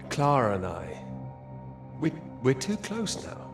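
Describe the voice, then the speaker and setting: An actor playing a hesitant young academic who stammers, with game music behind. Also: male voice, mid-range voice, huge pitch swings, slow, gravelly, exaggerated voice. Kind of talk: video game voice acting.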